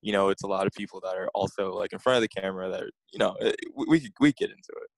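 A music blogger from Queens, New York, chats as a guest in a casual interview, laid-back and self-deprecating. His low voice is gravelly and rapid-fire, captured in a low-quality recording with no room sound.

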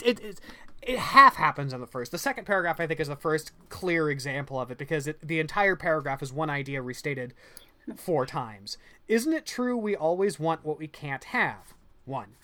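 A co-host talking casually on a book discussion podcast at an average pitch. The delivery is loose and blunt, full of fillers, with the odd casual curse. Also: lively intonation, normal speed, sharp tone. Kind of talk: casual chat.

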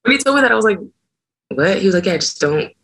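A woman's voice: mid-range voice, fast, husky, rough recording. A young woman co-hosting a podcast, chatting casually and telling stories with strong opinions. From Barbados heritage, raised in America. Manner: animated, opinionated storytelling. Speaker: podcast co-host. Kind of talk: casual chat.

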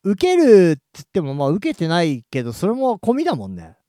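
A man hosting a casual podcast chat, easygoing, dropping a drawn-out "sa" between phrases. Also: high voice, dry recording, studio quality. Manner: relaxed, stretches phrases with trailing sa. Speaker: host.

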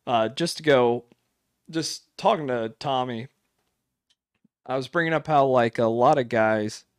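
A man's voice: mid-range voice, measured pace, clear, resonant tone, dry recording, studio quality. A man co-hosting a casual podcast, talking in a rambling way with many fillers and restarts. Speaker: podcast co-host. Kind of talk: casual chat.

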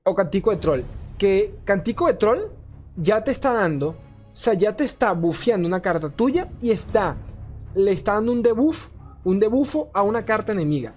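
A man reviews game cards in casual commentary. He is animated and swears, ranting and stumbling over names he forgets. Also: high voice, normal speed, soft background music. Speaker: card game content creator.

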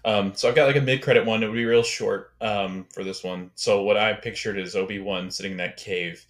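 A young man with a deep, low voice, a guest on a casual podcast. He works through his ideas hesitantly, with lots of ums and uhs. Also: fairly even intonation, a little fast. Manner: hesitant, filler-heavy storytelling.

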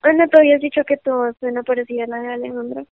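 A woman's voice: a little high, fairly even intonation, racing, no room sound. A woman asking questions apologetically in casual podcast chat. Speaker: podcast co-host. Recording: phone-like dry call audio.

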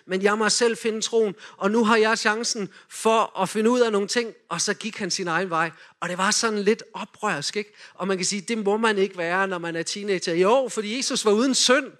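High, bright-voiced animated man preaching. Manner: animated, directs volunteers with quick cues. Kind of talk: lively retelling of a Bible story with volunteers acting it out.

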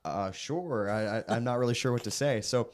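A man's voice: mid-range voice, level tone, fast talker. Young male evangelist, casual storyteller with a mid-range voice who laughs at his own stories. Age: young adult. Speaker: traveling evangelist preacher. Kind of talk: casual storytelling in a podcast conversation.

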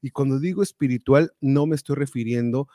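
A man hosting a live talk show, reading out viewer comments with animated, exclamatory reactions. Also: mid-range voice, fairly quick, no echo, clean studio sound. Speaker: show host.

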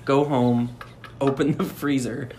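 A man's voice: mid-range voice, little pitch movement, slow, darkish tone, slight background noise. A man co-hosting a podcast, laughing often and riffing playfully in casual banter. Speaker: podcast co-host.

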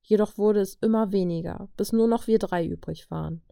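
A woman reading a story aloud in a calm, even narrating manner. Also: medium pitch, brisk, creaky, dry recording, clean studio sound. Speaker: reader.

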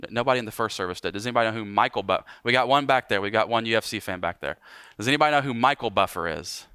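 Bright, clear-voiced man preaching. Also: lowish voice, no echo, studio quality. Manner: animated preaching, slows for emphasis. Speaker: pastor. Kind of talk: sermon.

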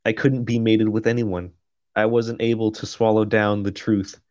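A man's voice: on the low side, level tone, moderate pace, darkish tone, no room sound, lo-fi sound. A man co-hosting a podcast, reading a novel aloud and breaking off for profane jokes and laughter. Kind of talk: casual chat and reading aloud.

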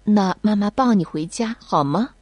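A woman voicing a caring mother in a bedtime story, with a gentle calling voice. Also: medium pitch, lively intonation, moderate pace, dry recording, close to an everyday voice. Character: worried loving young mother.

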